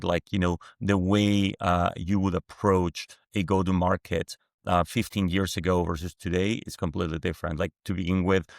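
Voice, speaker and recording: This guest founder is a man in his forties from Mexico City who speaks English as a non-native speaker with a Mexican Spanish accent. In a conversational interview he answers haltingly, often restarting his sentences, in a low, creaky voice. The sound is dry and clean, like a studio.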